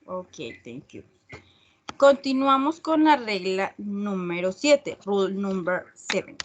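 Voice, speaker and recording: Woman teacher going over rules with her class, really slow and patient, keeps checking if they follow. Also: medium pitch, slight background noise. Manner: reads English examples slowly and deliberately. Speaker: English teacher. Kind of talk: classroom lesson explaining spelling rules.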